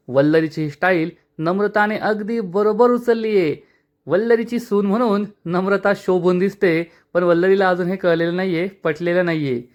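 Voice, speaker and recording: A man with a high-pitched voice recapping a TV serial episode. He narrates dramatically and speaks to his viewers as friends. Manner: dramatic, addresses listeners as friends. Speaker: TV serial reviewer.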